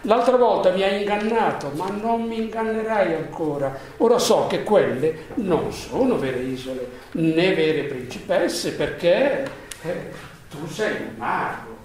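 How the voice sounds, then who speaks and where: A man voicing an earnest, indignant young prince in a storybook read aloud, his voice lifted high and exclaiming. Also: animated, measured pace, darkish tone, a little hiss or hum. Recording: echoey room, voice far from mic.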